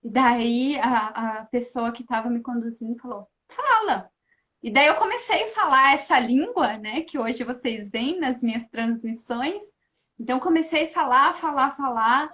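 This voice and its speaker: A woman's voice: fairly high pitch, normal speed. A woman, a guest in a casual chat, telling a personal story animatedly and often tagging her sentences with questions. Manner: animated, keeps adding questioning tags; acts out her own past thoughts in lively asides.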